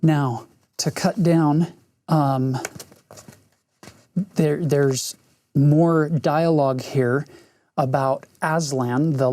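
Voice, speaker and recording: A man teaching a lesson, explaining a story with halting restarts before reading from it. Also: mid-range voice, warm tone, no room sound, studio quality. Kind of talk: scripture-class lesson, reading aloud.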